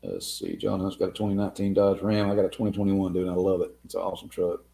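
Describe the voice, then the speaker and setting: This man is losing his voice as he runs a relaxed live Q&A stream, replying to viewer comments and addressing people as "man" and "dude." He talks fast, and his low, warm voice is creaky with lively intonation.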